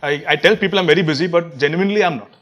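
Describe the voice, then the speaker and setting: A man's voice: a little high, rapid-fire, fairly bright tone. A man with an Indian English accent, a priest and school principal, chatting as an interview guest in a joking, self-deprecating way. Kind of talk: casual interview chat.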